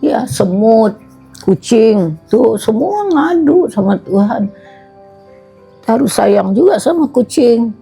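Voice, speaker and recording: A woman's voice: fairly high pitch, sing-song, slow, vocal fry, warm tone, breathy edge, soft background music. A woman giving a casual religious talk in a homely way, driving points home with repeated little fillers. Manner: homely, colloquial, repeating points with "nah" and "tuh". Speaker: religious study speaker.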